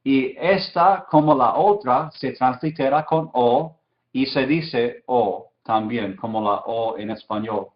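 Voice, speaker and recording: A man's voice: mid-range voice, takes it slowly. A man teaching a beginners' class, explaining patiently, repeating key terms and often checking understanding with "¿sí?" and "¿ok?". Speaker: Biblical Hebrew teacher. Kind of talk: slow explanatory lecture. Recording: dull lo-fi recording.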